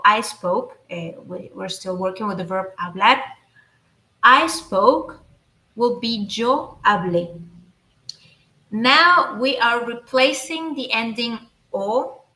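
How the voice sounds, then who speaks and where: A woman teaching an online language lesson, explaining slowly with many fillers and restarts into a computer microphone. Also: mid-range voice, sharp tone, roomy sound. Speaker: Spanish teacher.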